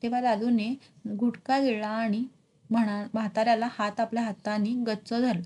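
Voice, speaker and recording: A woman teacher reading a novel aloud with expressive emphasis for her students. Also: a little high, moderate pace. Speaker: literature teacher.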